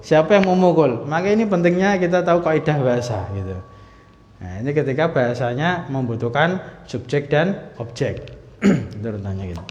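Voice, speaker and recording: A man's voice: on the high side, animated, normal speed, darkish tone, a little hiss or hum. A man teaching an Arabic class in a mosque, explaining step by step and asking the class questions. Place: mosque hall. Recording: echoey hall, dull lo-fi sound.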